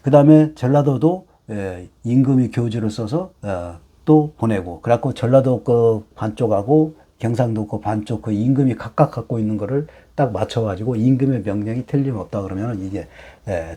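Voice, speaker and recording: A middle-aged man teaching hanja in a lecture, explaining slowly with many fillers and rhetorical questions. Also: lowish voice, mellow, slightly rough.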